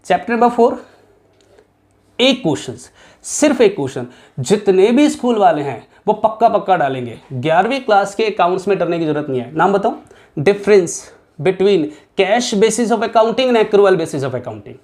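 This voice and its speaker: A man's voice: sits high, sing-song, normal speed, darkish tone. A man teaching accounts, talking straight to his students with firm emphasis. He repeats what matters and mixes English terms into his speech. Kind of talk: exam-prep lesson to students.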